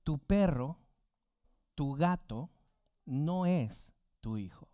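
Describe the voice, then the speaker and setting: A male pastor preaching a sermon and putting rhetorical questions to his congregation. His voice sits fairly high and sounds smooth and resonant. The recording is close and dry. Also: expressive, extremely slow, dark tone, dry recording.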